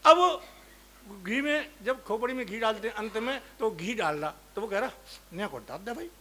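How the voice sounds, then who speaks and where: A man's voice: high voice, animated, moderate pace, bright, forceful tone, slight background noise. A male comic poet, telling rustic village jokes on stage. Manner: rustic anecdotal joke-telling with dialect. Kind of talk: stage comedy storytelling.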